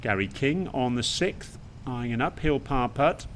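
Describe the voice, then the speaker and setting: A man working as a golf commentator, giving measured television highlights commentary with brief exclamations. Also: animated, slight background noise.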